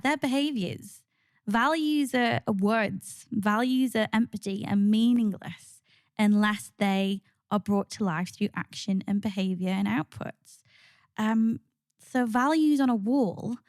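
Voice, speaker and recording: A woman co-hosting a podcast in casual chat, lively and teasing. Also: on the high side, no room sound, studio quality. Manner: lively, quick to laugh, teasing. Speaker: podcast co-host.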